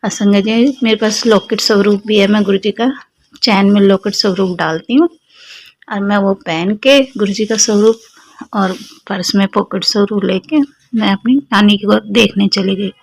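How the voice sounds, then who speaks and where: A young woman with a Delhi Hindi accent and a slightly sore throat, sharing a devotional testimony with fervent, personal warmth as she speaks directly to the congregation. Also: medium pitch, fairly even intonation, moderate pace, creaky. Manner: addresses listeners as sangat ji, fervent and personal. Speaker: devotee sharing satsang experience.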